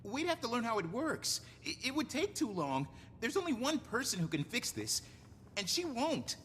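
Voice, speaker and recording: An eager, excitable engineer sleuth, whose pitch swings widely. The game dialogue rings with long reverb over faint noise. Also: female voice, normal speed. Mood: worried. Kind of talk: video game voice acting.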